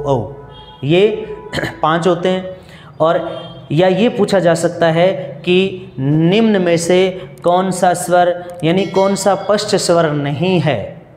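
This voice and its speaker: A man teaching Hindi grammar in a slow classroom style, asking questions and answering them himself and going over each point again. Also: sits high, a little mellow, roomy sound, long reverb tail. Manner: repeats and restates points, asks questions then answers them. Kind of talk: slow, repetitive classroom explanation.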